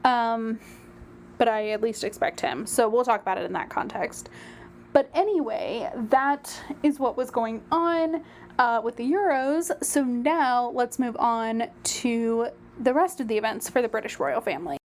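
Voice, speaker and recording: Woman host, relaxed chatty commentary with lots of filler, slightly high voice, faint hiss behind. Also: unhurried. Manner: chatty, rambling, frequent ums. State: a little out of breath. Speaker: royal news commentator. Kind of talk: casual solo commentary.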